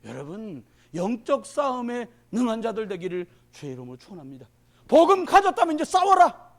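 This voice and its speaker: Male pastor in his fifties preaching, high lively voice, jumps from shouts to mutters. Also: brisk. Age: 50s. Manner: animated, swings from shouting to muttering asides, plays out little scenes. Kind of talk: sermon.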